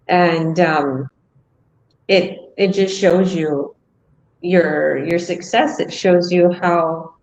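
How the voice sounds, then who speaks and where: Female host, lowish voice, dull audio, chatty and filler-heavy, on a video call. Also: a little mellow, a little hiss or hum. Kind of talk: casual online group call.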